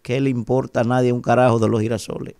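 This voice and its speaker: Radio commentator, male, 40s, Dominican accent, gravelly and rhetorical, close dry studio mic. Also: mid-range voice, little pitch movement, fast, darkish tone, no echo. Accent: Dominican Spanish. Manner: emphatic, rhetorical, keeps asking "¿verdad?". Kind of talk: opinion commentary. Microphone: studio mic on a boom arm.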